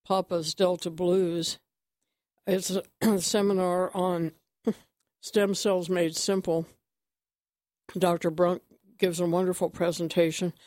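A woman hosting a morning health radio show, chatting casually, slightly out of breath and clearing her throat often. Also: lowish voice, darkish tone, no room sound, clean studio sound. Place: radio studio.

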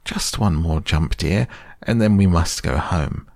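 A man voicing a calm, motherly, distracted female kangaroo in a storybook, fussing and politely dismissive. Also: low-pitched, unhurried, no room sound, clean studio sound.

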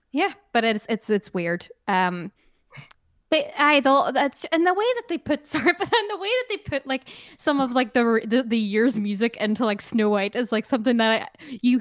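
A woman's voice: on the high side, moderate pace, no echo. Chatty Irish woman, dry sound. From Ireland. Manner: chatty, rambling, many fillers and laughs. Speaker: musician guest. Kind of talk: casual interview chat.

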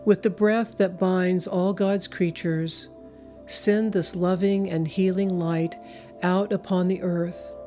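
A woman leading a guided meditation in a slow, soothing, hypnotic way, with long pauses between phrases. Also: lowish voice, mellow. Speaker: spiritual speaker and meditation leader.

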